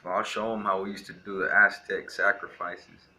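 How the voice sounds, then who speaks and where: With little pitch movement and a low, pushed, bright voice at normal speed, a young man from Texas vlogs a rambling, defiant rant to camera, full of "you know" fillers.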